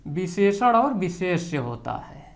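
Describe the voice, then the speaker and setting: A man leads an exam-prep grammar lesson in a steady teaching voice. He keeps asking his own questions and answering them, going over the key terms again and again. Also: high-pitched, unhurried.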